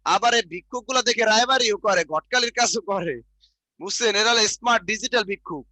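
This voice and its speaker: Guy with barishal accent teaching online, repeats stuff to write down, high bright voice, dry close mic. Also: fast, dry recording. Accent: Barishal Bengali. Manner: repetitive dictation, chatty asides. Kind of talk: online exam-prep lecture.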